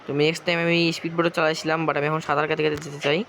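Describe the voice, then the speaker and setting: Gaming YouTuber, male, Bangladeshi Bengali accent, hoarse, rambling and quick, slightly high voice, noisy traffic behind. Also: level tone, a bit bright. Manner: rambling, chatty, keeps circling back with the same filler. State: hoarse from a cough. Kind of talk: casual gameplay commentary.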